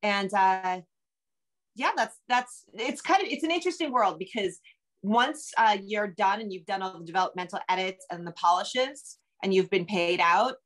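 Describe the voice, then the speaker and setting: This is a middle-aged novelist and screenwriter with an American accent, a guest on a video call interview, speaking from a home room with bookshelves. Her mid-range, fairly bright voice keeps a moderate pace as she chats in a rambling, self-deprecating manner.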